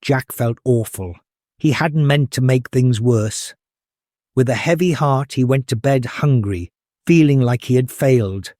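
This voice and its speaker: A man reading a children's storybook aloud as a storyteller, in the expressive, measured manner of a fairy tale opening. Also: mid-range voice, no room sound, clean studio sound.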